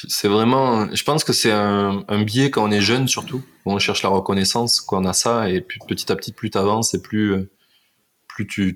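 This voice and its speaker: Very deep-voiced male host. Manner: rambling, many fillers and restarts. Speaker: podcast host. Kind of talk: casual interview chat.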